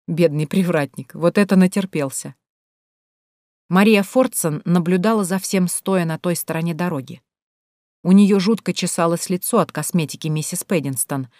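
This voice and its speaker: Female audiobook narrator, low voice, dry close mic. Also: a little mellow, dry recording. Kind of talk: scripted narration.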